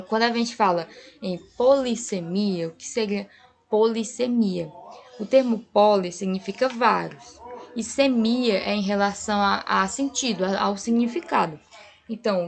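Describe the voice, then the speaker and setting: In a gravelly, mid-range voice, a young female teacher gives an online grammar lesson. She explains things patiently and keeps checking on her students with frequent "tá?"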